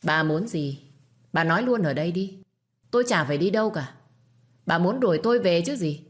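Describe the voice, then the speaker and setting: A woman's voice: fairly low pitch, animated, normal speed, lightly acted. A woman voicing a spiteful, scheming young wife who sneers and defies her family. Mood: defiant. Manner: sneering and defiant.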